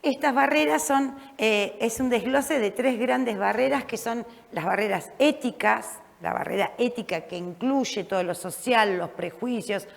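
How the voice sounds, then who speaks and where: A woman teaching a class, animated and checking in often with her listeners. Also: on the high side, unhurried, vocal fry, few pauses. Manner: lively, frequent "¿sí?" checks, restarts. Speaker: teacher trainer. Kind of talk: classroom lecture. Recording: reverberant classroom.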